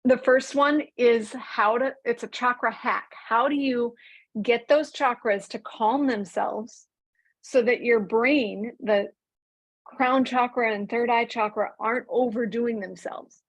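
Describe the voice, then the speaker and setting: A woman teaching an online mindfulness class, speaking calmly and drawing out key words slowly. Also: a little high, poor audio. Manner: calm, slows and stretches key words. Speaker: mindfulness coach.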